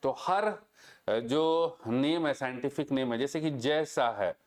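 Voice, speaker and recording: A young Indian man teaching biology in an online lecture. He reads English lines slowly, explains them in Hindi, and keeps checking that students follow. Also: medium pitch. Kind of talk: online exam-prep lecture.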